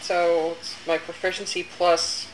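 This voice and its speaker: A woman's voice: lowish voice, little pitch movement, unhurried. A woman playing a tabletop game, chatting casually and hesitantly as she thinks aloud. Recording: noisy room.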